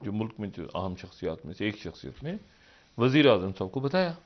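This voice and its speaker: A man giving political analysis on a live TV talk show. He rambles, poses rhetorical questions, and swings from low murmurs up to raised, emphatic peaks. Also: big pitch swings, brisk, highs cut off. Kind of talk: live TV current-affairs commentary.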